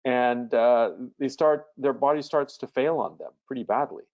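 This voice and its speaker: A man's voice: medium pitch, steady tone, moderate pace. Blunt, casual man coaching callers in a live webinar, slightly lo-fi sound. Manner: blunt, casual, swears freely.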